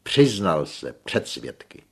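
A man's voice: deep voice, sing-song, breathy edge, exaggerated voice. A man voicing a dry, curt village schoolteacher. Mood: stern.

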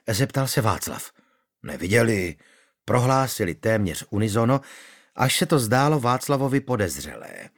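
Expressive male audiobook narrator. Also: mid-range voice. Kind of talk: scripted narration.

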